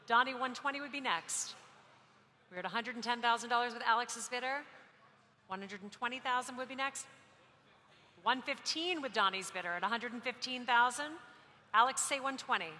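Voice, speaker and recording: A woman's voice: on the high side, bright, forceful tone. A woman auctioneer calling bids live, repeating figures in a courteous, practiced way. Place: large auction hall. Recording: echoey hall with background noise.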